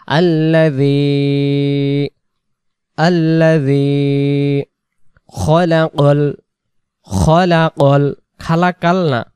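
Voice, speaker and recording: A man teaching tajweed, slowly repeating each word and then explaining the rules in quick, patient asides. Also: on the high side, smooth, no echo, clean studio sound. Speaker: Quran recitation teacher. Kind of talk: tajweed lesson, word-by-word drilling.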